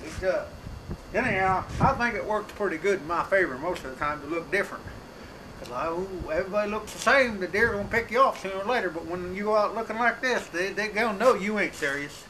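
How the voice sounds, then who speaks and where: Middle-aged man, high-pitched rural drawl, deadpan comic monologue, outdoor mic with wind noise. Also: a little fast. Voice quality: slightly hoarse. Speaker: comedic hunting show host.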